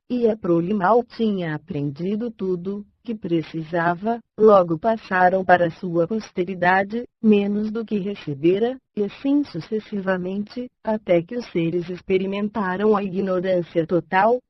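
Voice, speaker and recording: A computer-generated woman's voice with a Brazilian accent narrates a scripted story at a medium pitch. The reading is measured and plainly synthetic. The sound is dry, with no room around it, and a little dull and lo-fi. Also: no room sound. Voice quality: synthesized text-to-speech voice.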